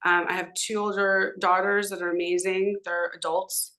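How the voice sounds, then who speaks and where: A middle-aged American woman from Southern California, a native Hebrew speaker, chats casually and at length as a podcast guest in an informal, rambling interview. Her voice is on the low side, flat, pushed and bright at normal speed, in a low-quality recording.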